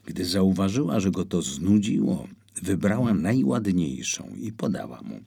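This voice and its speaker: Deep, gravelly male audiobook narrator. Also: measured pace. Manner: expressive storytelling with wide swings in pitch.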